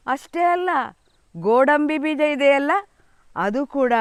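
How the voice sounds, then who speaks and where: A middle-aged woman reads a children's story slowly, in a smooth, clear voice. Her delivery is lively, and she keeps asking the young listeners questions. The recording is dry and close. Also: fairly high pitch, dry recording.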